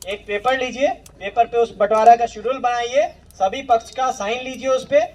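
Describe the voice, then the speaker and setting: A man's voice: extremely high pitch, fairly even intonation, moderate pace, darkish tone, far from the mic. A man, a land revenue official, explaining survey rules to villagers in a plain instructive way, repeating key points.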